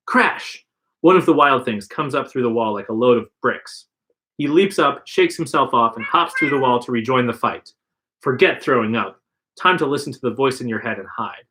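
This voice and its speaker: A man's voice: mid-range voice, expressive, normal speed, sharp tone. Man reading a gamebook aloud. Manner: reads narration plainly, puts on voices for dialogue. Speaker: podcast host reading a book aloud. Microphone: livestream podcast mic.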